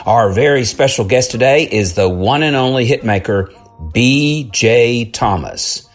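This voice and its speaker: A man's voice: mid-range voice, a little slow, faint music behind. A man hosting an interview show, introducing his guest in an upbeat, effusive way. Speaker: host.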